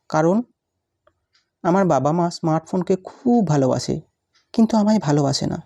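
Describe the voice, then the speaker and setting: Brief: recited story; a lonely little girl, read by a woman, plaintive and pleading, low mellow tone. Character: lonely neglected little schoolgirl, wistful.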